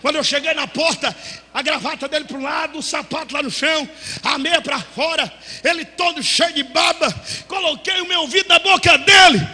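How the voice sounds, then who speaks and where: A man preaching a fervent storytelling sermon as pastor, often breaking into shouts. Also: extremely high pitch, normal speed. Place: church hall. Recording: echoey church hall reverb.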